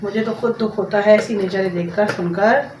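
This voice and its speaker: A woman's voice: medium pitch, fairly even intonation, normal speed. A woman chatting and rambling in a casual home vlog while she cooks, tossing in English words. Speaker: home vlogger. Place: home, cooking in the kitchen. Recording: roomy, distant mic with noisy background.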